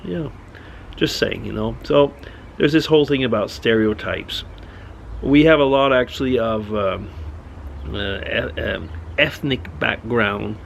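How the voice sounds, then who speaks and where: Middle-aged man from Switzerland, casual rambling vlog monologue, gravelly voice, faint hiss behind. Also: mid-range voice. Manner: rambling, musing, many restarts. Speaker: vlogger.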